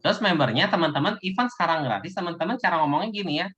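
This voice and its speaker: A man giving a casual sales coaching talk, lively, acting out sales pitches to his audience. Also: rapid-fire. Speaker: business presenter. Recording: dull lo-fi recording.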